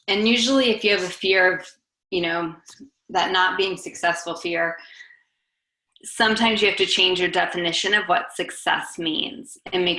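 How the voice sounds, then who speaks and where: A woman's voice: on the low side, sharp tone, roomy sound, rough recording. A woman giving a sales training talk, coaching her listeners in a conversational way and acting out sample lines. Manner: coaching, conversational, demonstrates scripts aloud. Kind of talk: training presentation.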